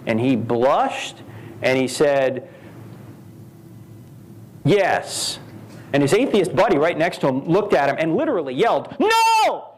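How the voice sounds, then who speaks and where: Lively high-pitched man lecturing. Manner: animated, rhetorical questions and storytelling. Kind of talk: live lecture to a university audience. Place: university event hall.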